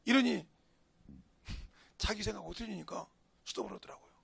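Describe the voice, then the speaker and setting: A middle-aged male pastor preaching a sermon in a church, telling a personal story in a folksy way and swinging between shouts and hushed whispers. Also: high-pitched, moderate pace, gravelly, husky, no echo. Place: church sanctuary.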